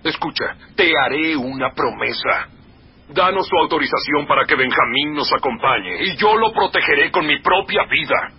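A fairly high male voice as an earnest, protective brother in a biblical drama. He is blunt in manner, and the audio is muffled. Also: animated, moderate pace. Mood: earnest, resolute. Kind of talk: Spanish-language dubbed biblical drama acting.

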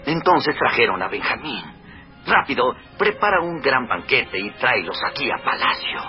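An actor playing a shrewd, composed governor in a Spanish biblical drama, measured and authoritative. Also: male voice, medium pitch, big pitch swings, highs cut off, over music, close to an everyday voice. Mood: urgent. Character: Joseph, shrewd composed governor hiding his identity. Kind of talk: Spanish-language dubbed biblical drama acting.

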